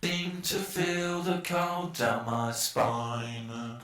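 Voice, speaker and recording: A singer's sung vocal line, formant-shifted in pitch-editing software so the voice sounds chipmunk-like or orc-like. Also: completely flat delivery, extremely slow. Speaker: singer in a sample vocal being edited.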